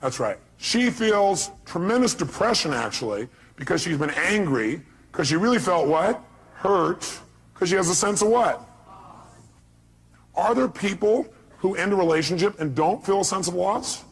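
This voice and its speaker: A man giving a motivational seminar talk, animated and acting out the voices he quotes, sometimes shouting. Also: high-pitched, normal speed, breathy edge. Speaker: motivational speaker.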